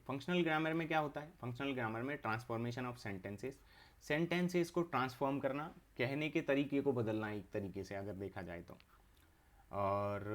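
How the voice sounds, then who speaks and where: A young adult man, teaching an online exam-prep English class, explaining each term step by step and repeating it. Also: mid-range voice.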